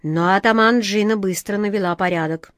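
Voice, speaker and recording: A woman narrating a fairy tale in an expressive storybook reading. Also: medium pitch, brisk, no echo. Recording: dry close recording.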